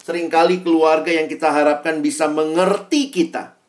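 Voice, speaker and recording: A man giving a storytelling sermon as a youth speaker, talking straight to the audience and acting out the people he quotes in a raised voice. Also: normal speed. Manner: animated, acts out quoted people in a higher voice; addresses the audience directly as friends. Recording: echoey room, voice from a distance.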